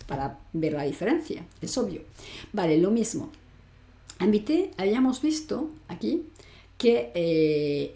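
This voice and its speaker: A woman's voice: medium pitch, mellow. A woman teaching French grammar online, explaining step by step and asking rhetorical questions she answers herself. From Spain. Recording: echoey room.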